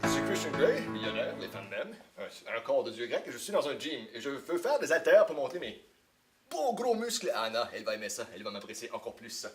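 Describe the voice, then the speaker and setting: A man's voice: mid-range voice, very animated, brisk, soft background music, voice pushed down, natural voice. A man playing a vain, boastful and incompetent millionaire in a comedy sketch, pompous, whiny and theatrical. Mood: smug. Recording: roomy echo, faint noise.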